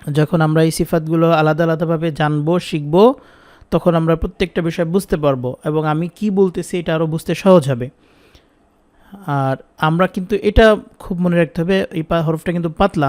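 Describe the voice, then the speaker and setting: A man teaching Quran pronunciation, patiently repeating drawn-out sounds for students to echo. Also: a little high, a little mellow. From Bangladesh. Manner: drawn-out demonstration syllables. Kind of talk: online Quran pronunciation lesson.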